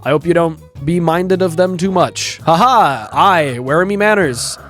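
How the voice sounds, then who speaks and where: A man's voice: a little high, unhurried, fairly bright tone, soft background music. A man voicing a boisterous, jolly male pirate captain in a video game, with a hearty pirate dialect. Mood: jovial.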